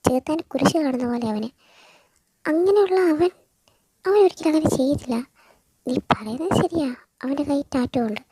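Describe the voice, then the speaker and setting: A woman's voice: high voice, animated, fairly quick, pauses often, warm tone, slight background noise, low-quality recording. A woman voicing a young woman who chides and reassures her friend in colloquial Malayalam. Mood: reassuring. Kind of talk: audio story role-play.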